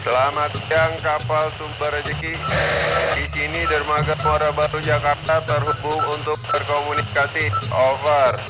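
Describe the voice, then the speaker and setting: A dock radio operator answers over a marine radio transmission, voiced by a man. His fairly high voice stays flat and formal, as radio protocol asks. Loud music runs underneath. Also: normal speed, poor audio. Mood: steady.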